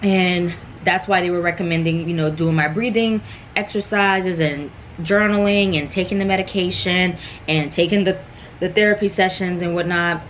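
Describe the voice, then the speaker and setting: A young American woman with a slightly low voice talks in a casual, candid vlog style. She rambles and repeats phrases as she goes, over clear background noise in the room. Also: steady tone, normal speed, poor audio. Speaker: mukbang vlogger. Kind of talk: casual personal chat.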